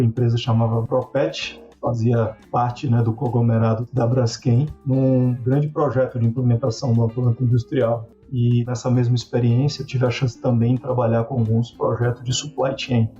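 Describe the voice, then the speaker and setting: Measured man with a dark tone. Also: mid-range voice, muffled recording. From Bahia, Northeast Brazil. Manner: measured, often adds tag questions. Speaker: logistics executive guest. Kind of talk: podcast interview answers.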